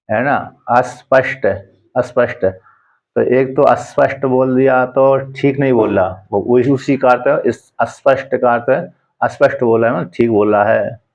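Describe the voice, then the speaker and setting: A man teaching a Sanskrit scripture commentary, reading each phrase slowly and then explaining it in plain conversational speech. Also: medium pitch, a little mellow.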